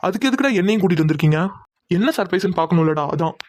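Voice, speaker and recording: A man voicing several young men in a Tamil cartoon drama, talking quickly and heatedly as they bicker. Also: sits high, expressive, darkish tone, dry recording. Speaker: voice actor for several male cartoon characters.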